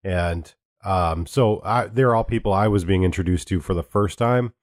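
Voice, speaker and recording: A man's voice: deep voice, moderate pace, no room sound, clean studio sound. A man co-hosting a casual podcast, rambling with fillers and restarts. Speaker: podcast co-host.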